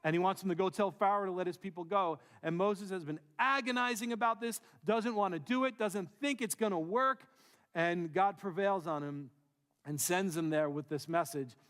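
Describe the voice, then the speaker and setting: A man preaching a sermon as pastor, telling a scripture story with lively acted-out dialogue. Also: high voice, moderate pace, clean tone, long reverb tail. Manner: animated storytelling, acting out voices and quoting scripture. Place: church sanctuary.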